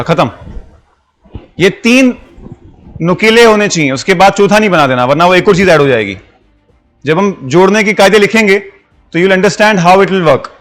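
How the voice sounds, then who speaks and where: High-voiced teacher explaining letter sounds. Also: male voice, a bit bright. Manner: explanatory, mixes English into Hindi. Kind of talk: classroom lesson.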